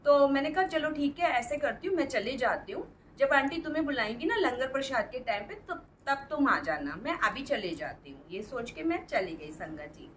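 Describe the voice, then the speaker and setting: A woman's voice: high voice, expressive, moderate pace, fairly bright tone, far from the mic, slight background noise, low-quality recording. A middle-aged woman earnestly telling her personal testimony to a devotional congregation, often addressing the listeners directly.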